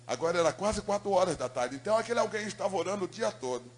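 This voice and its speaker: A man giving an emotional preaching testimony, telling his story dramatically and moving between loud swells and hushed tones. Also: sits high, animated, racing, slight background noise.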